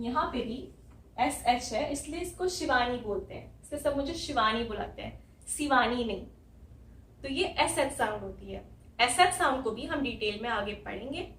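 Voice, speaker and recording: A woman English teacher giving a classroom lesson, speaking slowly, repeating words and asking the class questions. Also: high voice, echoey room, recorded from a distance, rough recording.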